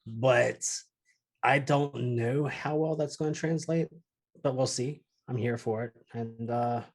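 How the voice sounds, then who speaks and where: A man with a mid-range voice talks slowly as a podcast panelist in a casual chat about films and games. He is emphatic and prone to swearing.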